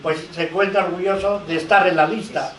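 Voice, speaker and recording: A man's voice: high-pitched, steady tone, a little fast, a bit bright, a little hiss or hum. An older man on a conference panel, telling anecdotes and quoting dialogue as he speaks. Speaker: lawyer and researcher speaking on a panel. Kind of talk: conference talk. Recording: echoey hall, distant mic.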